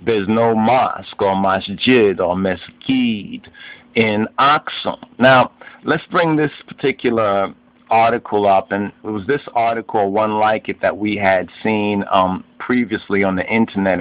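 Speaking slowly in a fairly low, fairly even voice, a lay religious teacher narrates an informal video lesson on religious history. His didactic delivery is halting, and he often restates and glosses terms in several languages. The dry recording sounds dull and lo-fi, like a home-made voice-over.

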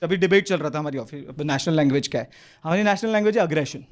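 A young man with a Mumbai Hindi accent doing an animated stand-up set on a club stage, swinging his voice into quick street characters. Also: on the high side. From India. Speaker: stand-up comedian. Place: comedy club stage with live audience. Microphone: handheld stage mic. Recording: live club recording with audience laughter.

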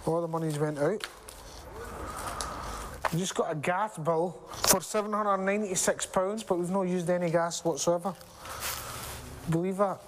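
Scottish man, higher-pitched, over background noise. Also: fairly even intonation, normal speed, pauses often. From Scotland. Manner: informal, matey, repeats phrases. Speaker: restaurant owner being filmed for a documentary. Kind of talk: candid documentary talk. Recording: clear background noise on location.

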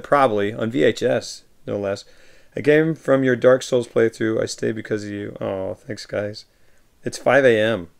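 An American livestreamer in his thirties sits in his home room, lined with shelves of films, reading viewer messages aloud and answering warmly through a webcam mic. His voice is deeply gravelly and easygoing, and he laughs often during the casual chat.

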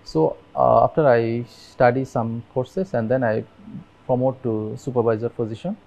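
A Bangladeshi man in his thirties, interviewed in a dim room on a lapel mic, telling his story earnestly with halting restarts. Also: mid-range voice, fairly even intonation, gravelly, a little mellow, faint music behind, low-quality recording. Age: 30s. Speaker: interviewee, migrant worker. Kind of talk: documentary interview. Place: dim indoor room with fans.

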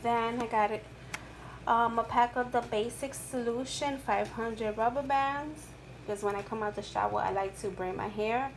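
Off-screen with only her hands in frame, a middle-aged woman narrates a shopping haul slowly and cheerfully in a chatty tone. Her voice runs somewhat high, and the camera-mic audio is poor, with rain audible outside her home.

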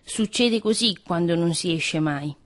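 A woman voicing a sly, greedy male cat in a read-aloud fairy tale, smooth-talking and wheedling. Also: fairly low pitch, measured pace, close to an everyday voice. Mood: resentful.

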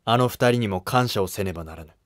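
An actor playing an earnest, dignified Japanese emperor with stately, archaic speech in a historical drama. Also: male voice, lowish voice, quick pace, dry recording, clean studio sound, lightly acted.

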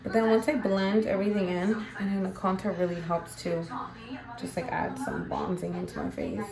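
In a low-quality recording with crowd noise, a young adult beauty vlogger applies her makeup in an indoor room at home. Her medium-pitched voice has lively intonation at a normal speed as she chats casually and playfully, half to the camera and half to herself.

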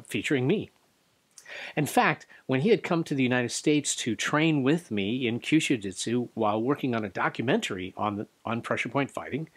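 An older man in his sixties, a martial arts instructor, speaking earnestly to camera in a dojo, with small restarts. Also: mid-range voice. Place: dojo studio indoors. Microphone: studio condenser mic beside him.

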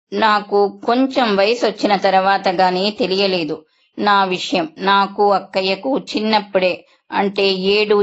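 A woman narrating a first-person story in a steady, measured reading voice. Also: medium pitch. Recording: dull lo-fi recording.

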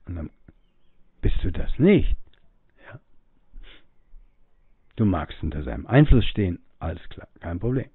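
A man's voice: low-pitched, big pitch swings, measured pace, pauses often, husky, no echo. A man giving a spiritual teaching in a musing way, acting out the voices of the people he quotes and breathing audibly as he talks. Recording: tinny phone-like audio, dry.

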